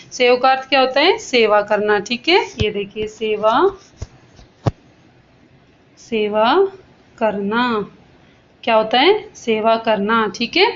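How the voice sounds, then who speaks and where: A woman with a high voice teaches Sanskrit grammar to schoolchildren, drilling verb forms and answering her own questions. She speaks to the pupils with affection and has them repeat after her. The recording sounds a little dull and muffled. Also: fairly bright tone, a little hiss or hum. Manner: affectionate, addresses pupils as "beta". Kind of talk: online grammar lesson for children.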